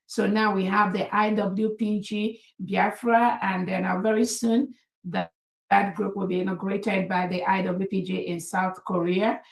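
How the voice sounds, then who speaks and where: A woman's voice: medium pitch, little pitch movement, measured pace, roomy sound, low-quality recording. A woman addressing members in an online meeting, earnest and formal, thanking people by title.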